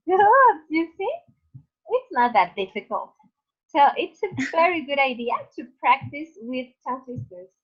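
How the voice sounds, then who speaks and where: Slow, high-voiced woman teaching online. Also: very animated. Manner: patient, explains slowly with many fillers. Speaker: English teacher. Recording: dull lo-fi online call audio.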